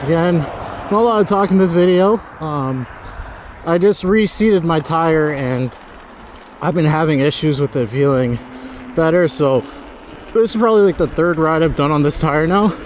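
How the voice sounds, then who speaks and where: Riding an electric unicycle along outdoor paths, a man vlogs casually into a helmet-mounted mic, rambling and swearing freely. His voice is slightly high and his pace normal. Wind and street noise from the ride come through.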